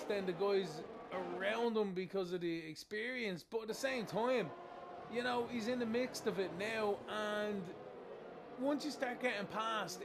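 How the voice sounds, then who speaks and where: Man, motorsport commentator, high voice, live race call, engine noise behind. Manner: motorsport commentator delivery, building excitement on moves.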